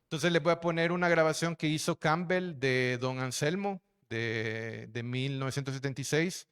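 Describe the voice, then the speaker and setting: A man's voice: fairly high pitch, moderate pace, fairly bright tone, smooth. A man giving a lecture as a linguist, explaining slides with frequent fillers and tag questions. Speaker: linguist and researcher giving a talk.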